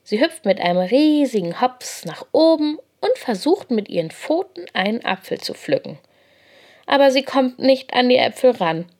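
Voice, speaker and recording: Lebhafte Erzählerin einer Kindergeschichte. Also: female voice, sits high, normal speed. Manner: gentle, expressive. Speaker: storyteller. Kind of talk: children's story reading.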